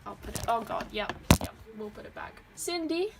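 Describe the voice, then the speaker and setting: Giggling and self-deprecating, a young Dorset woman rambles through a casual look at her sketchbook from her desk. Her voice is fairly high and gravelly, swinging hugely in pitch at a moderate pace, and the recording is very noisy.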